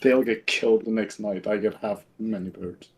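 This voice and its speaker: A man's voice: fairly low pitch, fairly even intonation, normal speed, husky. A man chatting casually as a player at a tabletop role-playing game.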